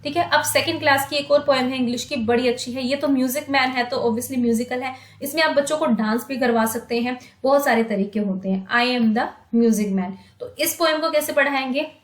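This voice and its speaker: A high-pitched woman teacher who sings and recites children's poems slowly, then switches to brisk, chatty explanation. Her voice carries a noticeable echo, as if recorded in a bare room. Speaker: teacher trainer. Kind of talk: demo poem teaching, sung and recited.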